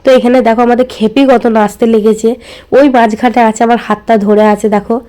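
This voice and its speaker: Hoarse young woman chatting through a voice-over. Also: on the high side, fairly even intonation, fairly quick, dark tone. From India. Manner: chatty, explaining family wedding customs to viewers. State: hoarse from a cold. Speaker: vlogger. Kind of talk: casual vlog voice-over.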